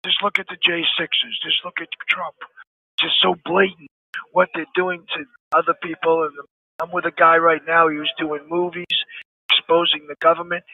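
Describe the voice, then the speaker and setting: A man's voice: on the high side, little pitch movement, normal speed, slight background noise. A man calling in from prison over a phone line, talking earnestly and stressing his points by repeating them. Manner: earnest, emphatic, repeats key phrases. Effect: heard over a prison phone line. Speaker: caller, an inmate phoning in. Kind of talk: phone interview.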